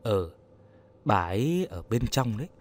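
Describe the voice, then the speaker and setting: A man voicing a grieving, guilt-ridden old man who speaks quietly and breaks into anguished cries. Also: on the low side, big pitch swings, measured pace, pitched below the performer's own voice. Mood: dazed.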